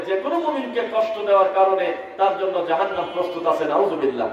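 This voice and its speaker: A man's voice: sits high, dull audio. Man, Bangladeshi Bengali accent, preacher, rhetorical questions to the crowd, long hall reverb, echoey. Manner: rhetorical, asks the crowd to answer back; chants verses in a slow melodic recitation. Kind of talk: sermon at a religious gathering. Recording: very echoey hall, speaker far from mic.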